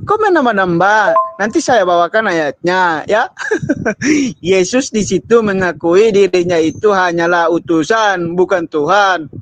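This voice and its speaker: Male debater, high voice, slow and mocking, dry close sound. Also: animated, a bit bright, no room sound. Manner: mocking, taunting, laughing at opponent. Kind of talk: online religious debate.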